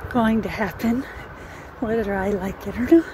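An older woman vlogging casually while walking down a residential street, a little out of breath, chatting slowly and musing about what she sees. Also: mid-range voice. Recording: outdoor noise and passing cars.

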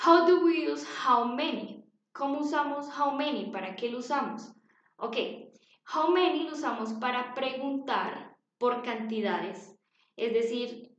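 A woman teaching an English lesson to young children, patient, repeating words for them to copy. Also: a little high. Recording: dull, echoey home recording.

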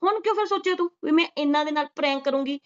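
A woman's voice: high-pitched, rapid-fire, highs cut off. A woman doing sarcastic reaction commentary, scolding and mocking with rhetorical questions. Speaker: reaction vlogger.

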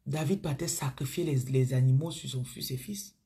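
A woman with a Cameroonian accent speaks in a deeply husky, breathy voice. She preaches to her viewers over a phone stream in a chatty way. Her voice often sinks into low murmurs and whispers. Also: normal speed, dark tone. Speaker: spiritual coach on a live stream.

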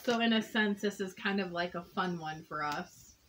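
A woman's voice: on the low side, normal speed, a bit bright, a little hiss or hum, rough recording. A woman on a living room couch, trying snacks from a box and giving blunt, joking verdicts. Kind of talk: casual taste-test chat.

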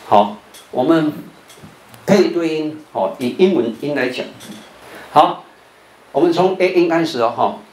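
An older man, a Buddhist monk, giving a televised lecture on English pronunciation. He explains patiently, ends many phrases with a drawn-out "哦" and stretches out the sounds he demonstrates. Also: fairly high pitch, lively intonation, darkish tone. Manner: patient explaining, sentence-final "哦" particles, drawn-out demo sounds. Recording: roomy echo, faint background noise.

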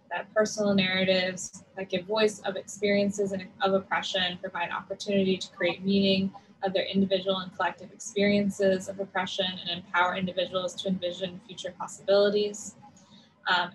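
A woman presents her research over a video call with earphones, reading in a measured, even way. Her pitch stays flat and level, with a faint hiss in the background. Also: poor audio. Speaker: academic presenter. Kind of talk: conference presentation.

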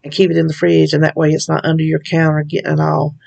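A woman's voice: sits low, monotone, fast talker, vocal fry, darkish tone, dull audio. A woman hosting a home cooking video, talking through a recipe in a chatty, folksy way with frequent laughs. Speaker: cooking channel host. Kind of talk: casual recipe walkthrough.

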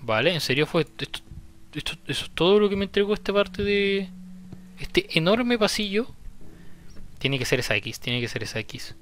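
A man's voice: high voice, very animated, normal speed, a bit bright. A young Chilean man streaming a horror game live, nervous and swearing, repeating lines when scared. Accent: Chilean Spanish. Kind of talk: live horror gameplay commentary.

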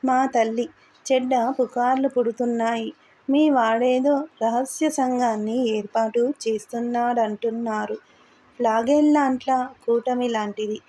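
Brief: gossiping neighbor widow, voiced by a woman narrator, low, confiding. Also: fairly even intonation, measured pace, dark tone.

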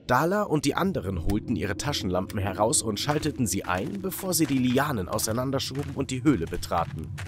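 A man narrating a dramatic first-person story for an animated storytime video. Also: mid-range voice, fairly quick, hardly any pauses.

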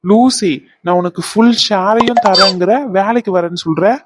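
A woman voicing a calm, loyal younger brother in a cartoon dub, speaking plainly. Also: mid-range voice, moderate pace, background noise, lightly acted. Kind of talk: cartoon dubbing.

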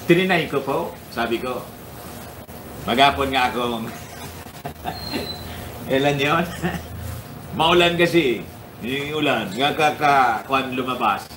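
A man's voice: medium pitch, slow pace, pauses often, distant mic, noisy background. A man hosting a casual political commentary livestream, chuckling often and greeting his viewers by name. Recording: echoey room.

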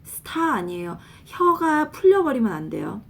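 A woman casually coaching pronunciation, drilling words slowly and spelling them out letter by letter. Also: high voice. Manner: animated, laughs often. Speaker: English pronunciation teacher, nurse.

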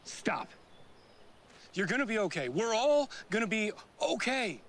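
A man's voice: high-pitched, sing-song, measured pace, fairly bright tone, a little hiss or hum, full character voice. An actor playing a level-headed young male hiker in a film, firm and reassuring, talking outdoors in the woods. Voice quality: firm, reassuring, scolds bluntly. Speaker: hiker keeping the group calm. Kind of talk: film acting.

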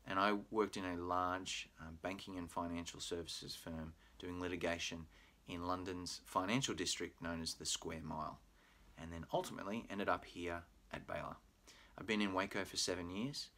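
A middle-aged Australian pre-law program manager with a very low voice, sounding pushed and bright, walks prospective students through a university program in a recorded admissions presentation. He explains in a friendly, patient way with plenty of "uh" fillers. He's filmed on a webcam in a small room at home, indoors with a bookshelf.

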